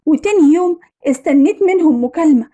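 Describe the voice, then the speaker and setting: A woman with an Egyptian Arabic accent narrating a dramatic first-person story in a brisk manner. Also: high-pitched, animated, warm tone, lo-fi sound.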